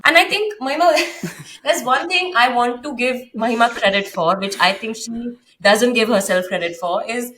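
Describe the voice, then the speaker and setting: Woman, young adult, Indian accent, hungover, very bright voice, slightly high pitch, effusive podcast host. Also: moderate pace, distant mic. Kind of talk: casual podcast chat. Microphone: podcast microphone.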